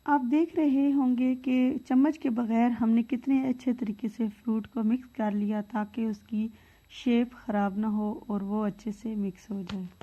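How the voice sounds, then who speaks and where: A woman hosting a cooking channel, narrating a video in a steady step-by-step way with tips. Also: on the high side, measured pace, lo-fi sound.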